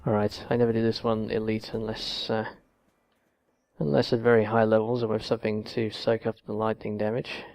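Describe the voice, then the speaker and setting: A man's voice: on the low side, a little fast, dry recording. A young man casually commenting on his game as he plays, thinking aloud. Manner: relaxed, thinking aloud with fillers. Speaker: gameplay commentator.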